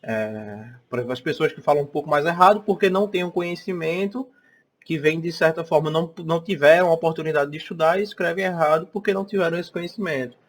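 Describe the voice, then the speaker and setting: A man's voice: fairly high pitch, fast talker. A young man with a Northeastern Brazilian accent teaching an online class. He keeps checking in with "tá?" and "né?" as he talks. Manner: chatty, checks in often with "tá?" and "né?".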